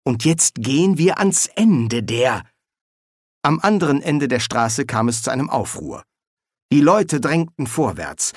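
A man narrating a fantasy audiobook in an expressive, lively reading. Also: medium pitch, no room sound, studio quality.

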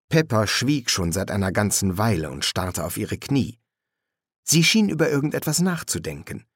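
Male narrator, slow and lively in pitch, dry close recording. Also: no room sound. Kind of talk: audiobook reading.

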